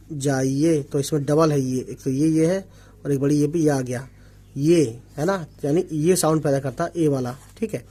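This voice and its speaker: A man teaching an Urdu writing lesson in Hindi, repeating words slowly and often checking that viewers follow along. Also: fairly high pitch, warm tone. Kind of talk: online language lesson. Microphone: omnidirectional desk microphone.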